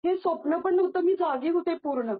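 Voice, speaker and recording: A young adult woman, a guest, tells a personal devotional experience in casual speech, halting often with false starts and restarts. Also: very high voice. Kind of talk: casual spoken testimony. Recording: tinny phone-line sound.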